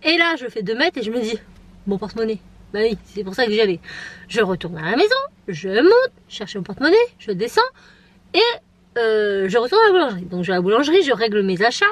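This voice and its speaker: A woman's voice: a little high, sing-song, fast talker. A woman in her thirties, chatting casually and laughing at herself while she vlogs from her car. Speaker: vlogger. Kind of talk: casual chat vlog.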